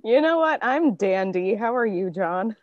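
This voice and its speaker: A woman's voice: medium pitch, animated, a little slow, dry recording, highs cut off. Wry teasing woman co-host, dry sound. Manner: wry, teasing, adds numbers. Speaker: podcast co-host. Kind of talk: casual chat.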